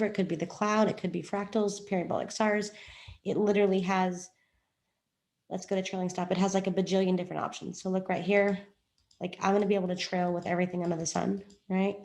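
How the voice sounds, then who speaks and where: A woman's voice: fairly low pitch, a little mellow. A woman, a trading coach chatting through a chart in a rambling, self-joking way. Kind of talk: casual screen-share explanation.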